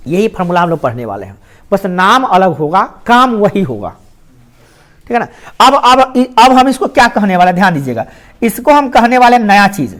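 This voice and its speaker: A woman with a Bihari Hindi accent teaching a maths class in a classroom, keeps firing questions at her students and drawing answers out of them. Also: medium pitch. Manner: animated call-and-response questioning of students. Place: classroom with a board.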